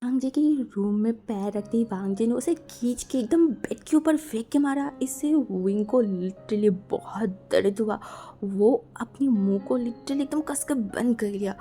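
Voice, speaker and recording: A woman's voice: on the high side, measured pace, mellow, soft background music. A woman narrating a fan-fiction story in a casual, chatty way, mixing in English words and frequent fillers.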